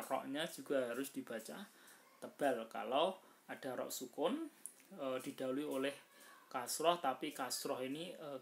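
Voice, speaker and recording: A woman teaching Quran recitation rules, explaining slowly with many fillers and drawn-out recited examples. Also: rumbling low, creaky. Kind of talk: informal tajwid lesson. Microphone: phone screen recording.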